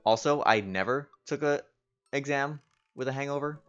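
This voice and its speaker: A man's voice: mid-range voice, normal speed, a bit bright, clean tone, soft background music. A man streaming a game playthrough, chatting casually and reading game text aloud while hot and tired. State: overheated and tired. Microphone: old home streaming setup. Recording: dull lo-fi stream audio.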